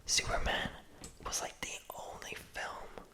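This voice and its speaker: A young adult ASMR creator whispers close to the mic, near enough to pop, in a pushed, bright voice that moves a little slowly. She chats loosely and rambles, leaning heavily on "like" and "um" and often losing the thread of her words.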